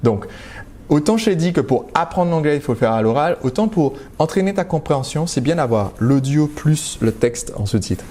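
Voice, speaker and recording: A man's voice: fairly high pitch, sing-song, moderate pace, warm tone. A man from France hosting a live stream, talking to viewers in a chatty, direct way with frequent hesitations and restarts. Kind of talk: casual live-stream talk.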